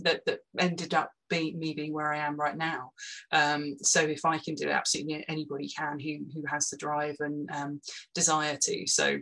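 A woman chats as a podcast guest in a halting way, pausing on fillers and breaking into giggles. Her voice is very bright and sharp-edged, and her pitch sits in the middle. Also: poor audio. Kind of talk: casual chat.

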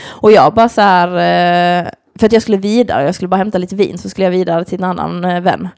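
A woman's voice: lowish voice, vocal fry, no room sound, studio quality. A young woman from Sweden, co-hosting a casual podcast, telling a long story and acting out what everyone said. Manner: animated, acts out quoted voices, lots of fillers.

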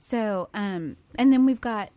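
Woman, thirties, podcast host, chatty and upbeat, medium pitch. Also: takes it slowly, dark tone, no echo. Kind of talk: casual chat.

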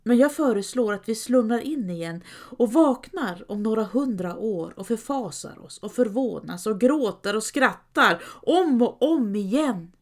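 A woman reading a storybook, voicing the weary, pessimistic old knight Don Quijote in a soft, hushed, gentle way. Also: fairly high pitch, lively intonation. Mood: melancholy. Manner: gentle, melancholy, reassuring.

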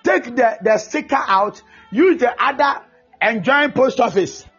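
A man preaching a fervent sermon, often shouting and mixing English with Twi. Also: extremely high pitch, a little slow, husky. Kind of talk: sermon with prayer. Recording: dull lo-fi recording with faint music.

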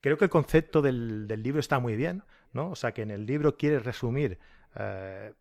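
Male podcast host, mid-pitched, easygoing interviewer with a joking streak. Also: moderate pace, gravelly, darkish tone. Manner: friendly, joking. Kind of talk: casual interview.

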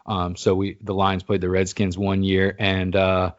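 Low-voiced man telling rambling stories. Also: completely flat delivery, unhurried. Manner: profane, rambling storyteller. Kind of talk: casual chat. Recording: dull lo-fi sound.

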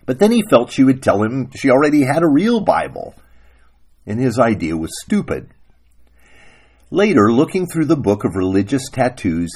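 A male preacher retelling a story in a sermon, slow and deliberate. His low, husky voice swings widely in pitch and drops to hushed asides. The telling is dramatic and unhurried. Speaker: pastor.

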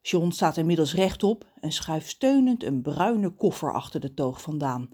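A woman reading a children's story aloud in a lively, expressive way. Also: low voice, unhurried, breathy edge.

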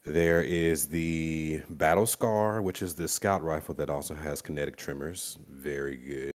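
A man with an extremely low, rumbling voice talks through gaming gear in a relaxed chat. He leans into words, stretching them out for emphasis as he gets excited. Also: measured pace.

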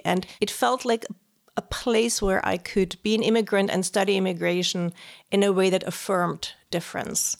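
Gravelly woman professor from Germany. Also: mid-range voice. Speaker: professor of political science. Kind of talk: reflective podcast interview. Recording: music playing underneath.

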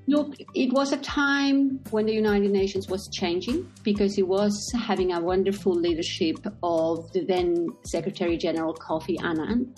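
A woman's voice: medium pitch, steady tone, normal speed, few pauses, darkish tone, faint music behind. A middle-aged woman from Italy, a guest speaking from a busy workplace, telling her story in a thoughtful, reflective way. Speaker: guest, social enterprise CEO. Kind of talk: remote interview conversation.

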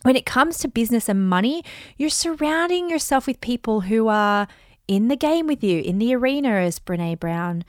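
A woman coaching listeners on business and money in a chatty, animated way, full of fillers and asides. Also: fairly high pitch, normal speed, dry recording, studio quality. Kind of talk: casual advice talk.

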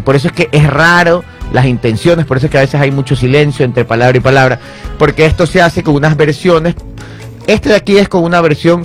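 A man hosting a casual gossip segment, animated and often mimicking what people say. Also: a little high. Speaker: host. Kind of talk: casual gossip and news chat.

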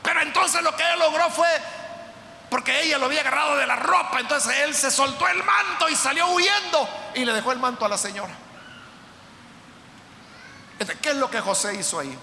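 Preacher guy, really high bright voice, shouting bits, big echoey hall. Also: fairly quick, gravelly, long pauses, slight background noise. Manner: impassioned, bursts into shouts. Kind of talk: sermon. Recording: echoey hall with faint ambience.

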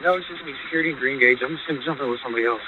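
Fast-talking officer over police radio. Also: male voice, medium pitch. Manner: terse, urgent callouts, repeats phrases. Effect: police radio transmission. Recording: tinny radio with static, from off the mic.

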